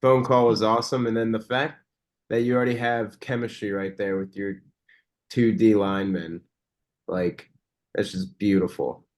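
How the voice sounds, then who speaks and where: A man with a somewhat low voice, co-hosting a sports podcast. He sounds easygoing and enthusiastic as he joins the chat. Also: little pitch movement, normal speed. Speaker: podcast co-host.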